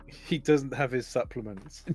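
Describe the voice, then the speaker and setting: A man's voice: mid-range voice, unhurried, darkish tone, faint music behind. A man hosting a casual stream, talking in a chatty, rambling way, stumbling over repeated words and apologizing to his chat. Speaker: stream host.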